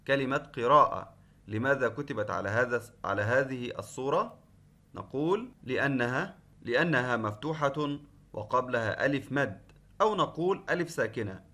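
A man's voice: mid-range voice, pushed and bright. A man teaching an online class lesson, patient, explaining step by step and repeating key points. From Qatar. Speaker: Arabic teacher.

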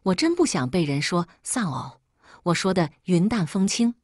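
Woman, story narration, first-person, wry, unbothered, husky voice, dry close recording. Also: on the low side, very animated, normal speed, darkish tone, no room sound.

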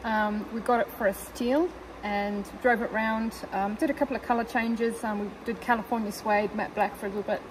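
A woman's voice: medium pitch, fairly even intonation, brisk, few pauses, noisy background. A New woman chatting casually and rambling about her car, with lots of fillers and giggles, recorded in a car. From New Zealand. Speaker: car owner guest. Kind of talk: casual chat. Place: in a parked car.

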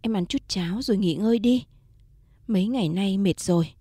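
A woman voicing a caring, successful man who speaks softly and reassuringly in a storybook reading. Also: medium pitch, a little fast, husky, dry recording, clean studio sound, lightly acted. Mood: gentle.

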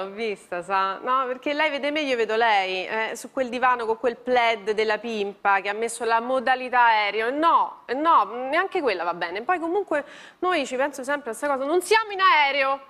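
A woman's voice: on the high side, lively intonation, normal speed, a bit bright. A woman performing a comic stage monologue in a TV studio, acting out an exasperated one-sided phone call with theatrical flair. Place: TV studio with live audience.

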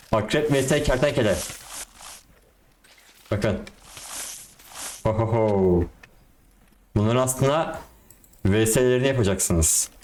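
A young man giving casual, excitable commentary on a game and talking to his viewers in slang. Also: on the low side, a little hiss or hum. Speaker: gaming YouTuber.

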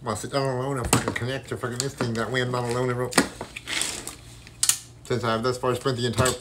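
A man's voice: mid-range voice, level tone, fast talker, heavy background noise. A man freestyle rapping and ranting in a rambling, combative, heavily profane way.

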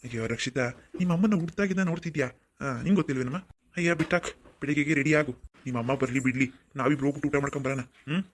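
A voice actor playing a kind, calm middle-aged village uncle in a cartoon. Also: mid-range voice, very fast, natural voice. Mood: firm. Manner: calm, soothing, firm. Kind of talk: cartoon voice acting.

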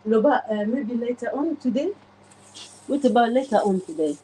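Her voice is a little high and dark-toned, with lively intonation and a normal speed. She is in her forties, livestreaming casually from her home kitchen while cleaning the oven and calling viewers by name. The phone camera facing the oven gives a low-quality recording with a bit of hiss or hum.

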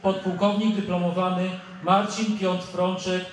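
A man's voice: high voice, level tone, unhurried. A military officer, a man, formally reading official orders into a stand microphone at an outdoor ceremony. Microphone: stand microphone through loudspeakers. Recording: echoing outdoor PA, distant, faint noise.

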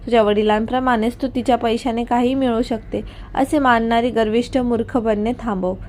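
Woman doing a bossy rich young husband, cold and scornful, storybook, a bit high, slight hiss behind. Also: steady tone, brisk, a little mellow, lightly acted. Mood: harsh. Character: arrogant domineering rich young husband, male.

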